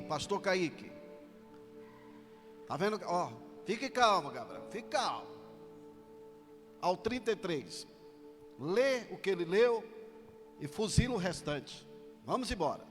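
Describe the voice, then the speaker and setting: A man with a high voice preaches to his congregation, commanding and direct. His words ring out in a long church reverb. Music plays underneath. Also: big pitch swings, unhurried, long pauses, fairly bright tone. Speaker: pastor. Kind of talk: sermon. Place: church hall.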